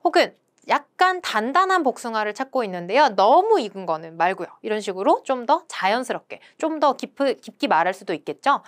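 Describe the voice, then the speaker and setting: A woman teaching French travel phrases, repeating each example slowly and clearly, then explaining in a brisk, lively way. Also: on the high side. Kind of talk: language lesson with slow repeated example phrases.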